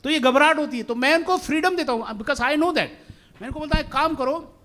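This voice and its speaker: A man's voice: very high voice, quick pace. A male pastor from India preaching a sermon in a church, mixing in English phrases and asking the congregation questions. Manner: animated, asks the congregation questions.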